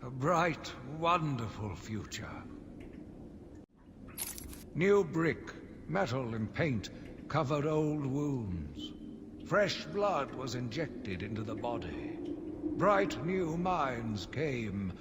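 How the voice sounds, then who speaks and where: In a zealous, hopeful mood, an actor plays a grieving, zealous asylum doctor, bitter and slowly growing vengeful, reciting a theatrical video game audio log. The delivery is solemn, measured and brooding, in a male voice that is a little high. A long reverberant echo and loud background noise surround him.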